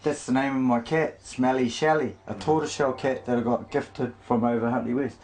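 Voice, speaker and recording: A man with a New Zealand accent and a mid-range, somewhat mellow voice chats briskly, rambling and emphatic, while showing off his home and pets. It's a noisy amateur video shot on location.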